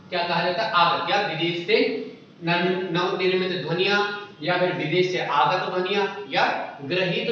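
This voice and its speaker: A man's voice: high voice, fairly bright tone, very echoey, far from the mic, muffled recording, a little hiss or hum. A man teaching a Hindi grammar lesson for exam prep. He asks questions and answers them himself, and he keeps repeating the key terms.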